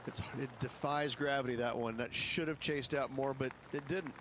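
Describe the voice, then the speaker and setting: A man's voice: medium pitch, fairly even intonation, moderate pace, lightly acted. A man voicing a golf commentator for a game, giving descriptive analysis with emphasis on difficulty. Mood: emphatic, descriptive. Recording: clear outdoor ambient noise.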